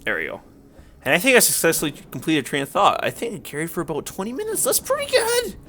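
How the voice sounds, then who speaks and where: Rambling man with a gravelly, lively voice. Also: on the high side, fast talker. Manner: rambling, filler-heavy, frequent "like". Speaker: let's play YouTuber. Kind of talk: casual gameplay commentary. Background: faint game music.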